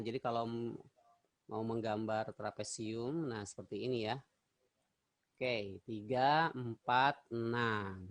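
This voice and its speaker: A man's voice: medium pitch, no echo. A male teacher giving an online math lesson, chatty, correcting himself and quizzing his students.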